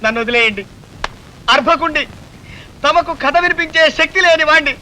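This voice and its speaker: A man's voice: very high-pitched, fairly quick, sharp tone, heavily acted, low-quality recording. An actor playing a worn-out man who begs a storyteller, in grand formal address, to stop. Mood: begging. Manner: pleading, theatrical, formal address.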